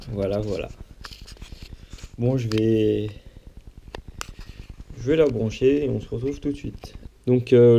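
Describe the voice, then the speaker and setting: A man's voice: on the low side, gravelly, mellow, a little hiss or hum. A man from France giving a rambling, off-the-cuff unboxing commentary at home, full of fillers and little "hop"s. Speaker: unboxing vlogger.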